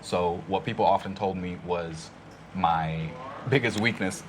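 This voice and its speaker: A man's voice: low-pitched, unhurried, slight background noise. A man in his twenties, a podcast guest, talking earnestly and reflectively in casual conversation. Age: 20s. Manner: earnest, reflective, storytelling with laughs.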